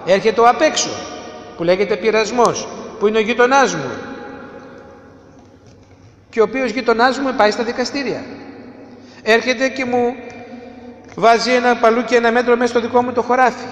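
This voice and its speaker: A man with a high voice delivers an emphatic sermon, full of rhetorical questions. He swings between raised, urgent lines and hushed ones. The sound rings through a reverberant hall with a long, lingering tail. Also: fairly even intonation, long pauses, lo-fi sound. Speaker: preacher.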